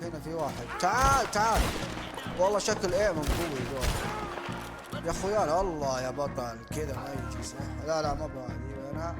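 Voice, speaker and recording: Guy yelling over his gameplay, repeats himself a lot, pretty high voice. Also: fairly quick, over loud music. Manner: shouty, excitable, repeating words. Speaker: gameplay commentator. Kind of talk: excited casual game commentary.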